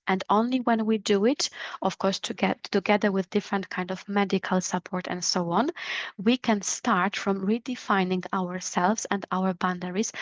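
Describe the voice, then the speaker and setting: A woman's voice: mid-range voice, no echo. Non-native woman presenting on a muffled video call. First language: not English. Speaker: webinar presenter. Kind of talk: explanatory webinar talk on a video call. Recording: dull lo-fi call audio.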